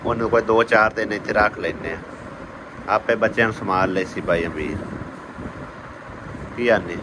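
A man's voice: lowish voice, moderate pace. A man vlogging outdoors, talking to his wife in a lecturing way and asking again and again if she understood. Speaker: vlogger husband. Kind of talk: casual family vlog talk. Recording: noisy outdoor recording with wind.

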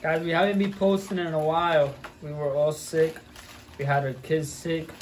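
A young man chatting casually as co-host of a home vlog, excitable and teasing. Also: on the high side, normal speed. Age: young adult. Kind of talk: casual playful chat. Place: indoor room at a table. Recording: faint room noise.

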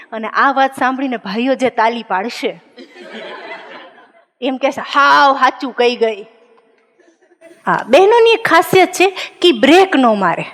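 A woman tells comic stories from a stage. She is animated and laughs often as she acts out other people's lines. Her voice rings with a long hall reverb. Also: high voice. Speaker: comedian.

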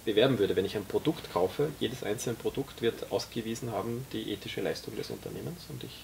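A man in his forties with a low, gravelly voice explains his vision at length, pausing often with fillers. He talks in a small tea café, picked up by a camera mic a few metres off. A faint hiss sits under the recording. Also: darkish tone. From Austria. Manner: explanatory, many hesitations. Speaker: guest, author. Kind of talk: casual conversation.

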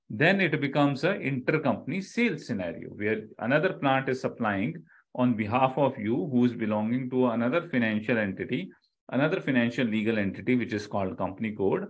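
In a live online lecture, a middle-aged Indian-accented man speaks at an average pitch with a slightly rough voice. Like a seasoned instructor, he repeats key phrases and keeps checking that his listeners are following.

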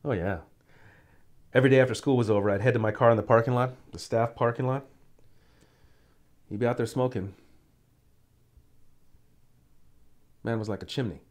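A man's voice: mid-range voice, steady tone, fast, long pauses, a little mellow, lightly acted. An actor playing a strict male teacher who talks in a casual, blunt, chatty way. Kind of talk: short film acting.

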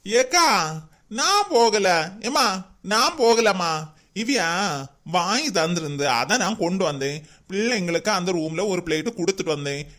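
A man's voice: sits high, animated, moderate pace, fairly bright tone. A man voicing a fussy, caring auntie who herds the kids in a cartoon. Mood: chatty. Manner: fussing, calling the kids along. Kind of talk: cartoon voice acting.

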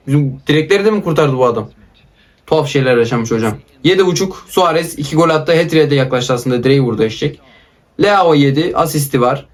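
A young man giving chatty, excitable commentary over his own football video game match as a gaming YouTuber. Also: fairly high pitch.

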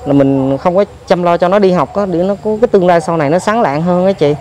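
A man with a Southern Vietnamese accent who hosts a vlog, interviewing gently and prompting with frequent soft acknowledgements. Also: sits high, fast, slight background noise. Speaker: vlog host.

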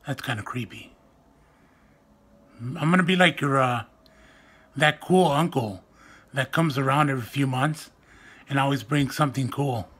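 Speaking into a phone or webcam near his face, a young man chats to the camera from a small room in his house. His mid-range voice is soft, thin and raspy, and he jokes at his own expense at an unhurried pace.

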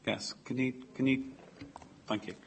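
A man's voice: medium pitch, steady tone, unhurried, husky. A man formally chairing a public meeting, handing over to speakers in short procedural phrases. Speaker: committee chair. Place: council meeting chamber, indoors. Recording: noisy meeting room pickup.

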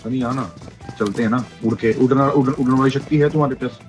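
A man chatting with his squad in a shooter game, giving short relaxed callouts. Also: mid-range voice, fairly quick. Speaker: teammate. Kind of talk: casual gameplay chat over voice chat. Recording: loud game music and gunfire behind.

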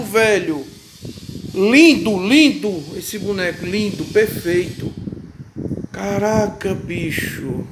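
A Brazilian man with a Brazilian Portuguese accent and a fairly high voice talks through an unedited unboxing vlog, exclaiming loudly and then dropping to low mutters as he works the box open. He is moved almost to tears. The home recording is noisy, with clicks and handling sounds. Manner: excitable, chatty, exclaims often, drops to mutters while fiddling with the box. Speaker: YouTube vlogger unboxing a fan's gift. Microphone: handheld phone or camera, shaky.

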